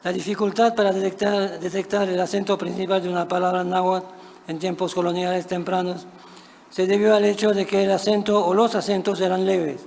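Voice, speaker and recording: A man with a high, gravelly voice reads a prepared academic paper in a measured, even tone. His delivery stays flat and careful, and he sometimes corrects himself. He is heard in a reverberant conference hall with faint noise behind him. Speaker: conference speaker.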